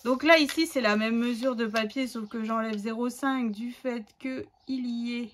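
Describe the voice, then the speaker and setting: A woman's voice: on the high side, moderate pace, slight background noise. A woman hosting a scrapbooking tutorial, chatting casually and thinking aloud as she works, with many fillers.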